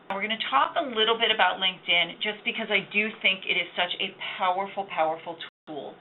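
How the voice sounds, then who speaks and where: A woman's voice: mid-range voice, fast. Woman presenting a networking workshop. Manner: upbeat, conversational, explains with examples. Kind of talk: recorded training talk. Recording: tinny lo-fi recording with faint noise.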